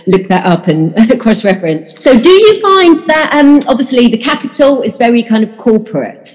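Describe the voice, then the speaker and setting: A woman's voice: on the high side, very animated, normal speed, darkish tone, long reverb tail. Enthusiastic woman podcast host. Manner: enthusiastic, chatty. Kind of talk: podcast interview.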